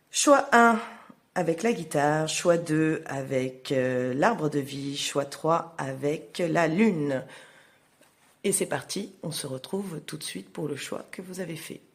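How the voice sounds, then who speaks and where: A young woman astrologer giving a casual tarot reading to viewers, halting and full of fillers. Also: low-pitched, gravelly. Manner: hesitant, many fillers, slow and halting.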